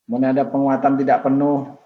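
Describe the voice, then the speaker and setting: A man's voice: mid-range voice, flat delivery, fast. A man giving an online tutorial lecture as a university tutor, explaining casually with many fillers and repetitions. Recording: roomy, dull sound with faint noise.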